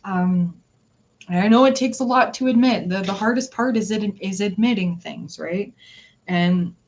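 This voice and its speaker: A tarot reader hosting a livestream speaks at normal speed in a mid-range, slightly mellow voice. Her chat with viewers is casual and rambling, full of giggles, restarts and filler words.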